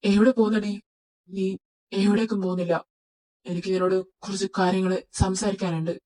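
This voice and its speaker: A woman's voice: medium pitch, flat delivery, a little fast, dark tone, natural voice, low-quality recording. A woman voicing a rude, short-tempered young male boss who scolds his assistant. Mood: domineering. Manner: scolding, domineering. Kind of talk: Malayalam fan audio drama.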